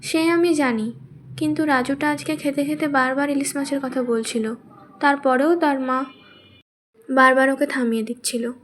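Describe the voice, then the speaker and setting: A woman's voice: sits high, fairly even intonation, moderate pace, a bit bright, a little hiss or hum. A woman voicing an exasperated young mother who complains to her husband in a cartoon story. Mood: complaining. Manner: complaining, pleading.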